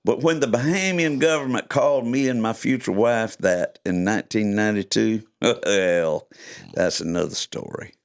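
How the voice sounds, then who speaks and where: Folksy older man telling stories. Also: on the low side. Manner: folksy, chuckling, playful delivery. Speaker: podcast host reading his own stories. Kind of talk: casual chat and storytelling read-aloud.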